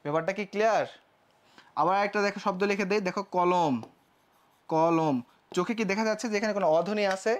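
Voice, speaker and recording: High-voiced young man teaching a live class. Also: quick pace, long pauses. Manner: explains step by step with rhetorical questions; acts out student questions himself. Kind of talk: live online class lecture.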